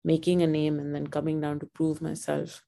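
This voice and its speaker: Woman from Pakistan, podcast guest, mellow low voice, animated storyteller. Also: moderate pace, creaky. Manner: animated, laughing storyteller with frequent restarts. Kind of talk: conversational interview.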